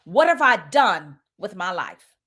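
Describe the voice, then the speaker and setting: A woman's voice: mid-range voice, sing-song, measured pace, bright, forceful tone. A woman in her fifties giving an urgent motivational sermon as a minister, repeating phrases for emphasis. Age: 50s.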